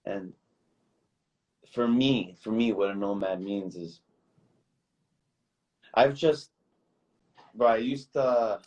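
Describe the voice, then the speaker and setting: A young man from Toronto talks as a podcast guest, slightly low in pitch. He rambles easily, calling the host bro and man along the way, and comes through a remote call microphone. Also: takes it slowly, long pauses, a little mellow, muffled recording. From Toronto, Canada. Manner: easygoing, rambling, says bro and man often. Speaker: guest, recording artist. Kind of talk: casual interview chat.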